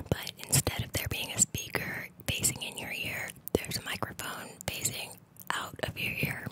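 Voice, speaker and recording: A woman whispering a breathy ASMR ramble as a host, very close to the microphone, lingering and often repeating words in strings. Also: poor audio.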